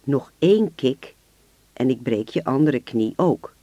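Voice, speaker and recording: A man voicing a calm, menacing middle-aged father who speaks politely and then in quiet threats. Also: fairly high pitch, normal speed, no echo, lo-fi sound.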